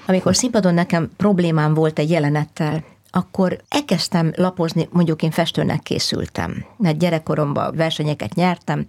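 Gravelly-voiced older woman, earnest. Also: low voice, a little mellow. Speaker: opera singer. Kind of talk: conversational interview.

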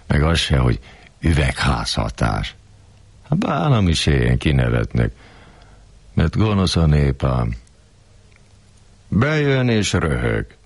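A man's voice: very deep voice, no room sound. An older man performing a coarse, grumbling, rambling comic monologue.

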